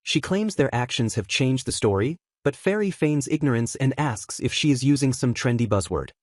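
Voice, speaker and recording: A man reads a scripted story recap in a steady, even storytelling manner. His voice sits at an ordinary middle pitch. The recording is close and dry, with no room sound. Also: moderate pace, dry recording. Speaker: narrator.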